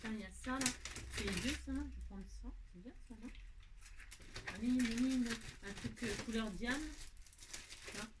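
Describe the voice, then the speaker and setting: A woman's voice: a little high, normal speed, long pauses, very noisy. A French woman hosting a crafting tutorial, chatting casually to viewers as she works, humming little tunes and scolding herself over slips. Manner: chatty, talks to herself while working, hums little nonsense tunes; expressive, scolds herself when upset. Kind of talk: casual live crafting chat.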